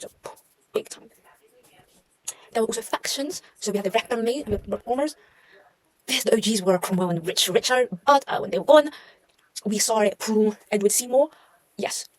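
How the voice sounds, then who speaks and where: A woman's voice: mid-range voice, a little mellow, low-quality recording. A young woman talking through her history revision notes in a casual, chatty way, often correcting herself and making wry asides. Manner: chatty, self-mocking, trails off and corrects herself.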